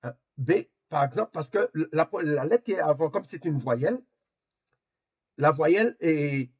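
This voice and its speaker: A man's voice: a little high, animated, a little slow, husky, dull audio. A man teaching a Hebrew lesson over a video call, explaining hesitantly and repeating words as he goes. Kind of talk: online class explanation.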